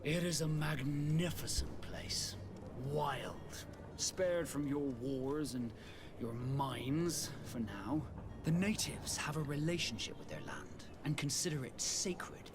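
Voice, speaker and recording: An actor playing a proud, dignified seafaring guild captain in a video game, speaking in a measured way. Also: male voice, fairly high pitch, lively intonation, noisy background. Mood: measured, informative. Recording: music behind the dialogue.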